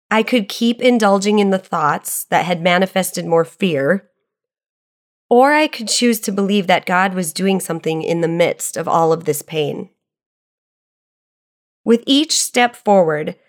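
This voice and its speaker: A woman reading a reflective devotional aloud, tying scripture to her own story in an earnest, measured way. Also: mid-range voice.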